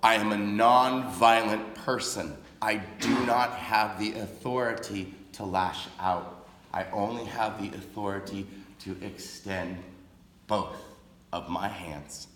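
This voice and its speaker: Male public speaker, lowish voice, very measured pace, solemn and earnest, echoey hall with faint ambience. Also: fairly bright tone, a little hiss or hum. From raised on a reservation in the United States. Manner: slow, deliberate, solemn delivery with long pauses. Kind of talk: impassioned public speech.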